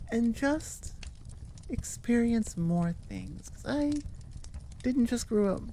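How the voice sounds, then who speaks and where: In a fairly high, mellow voice, a woman delivers a laid-back, rambling outro as her audio channel's host, self-deprecating and easily sidetracked. She's recording from a computer microphone into audio software. Slight background noise can be heard.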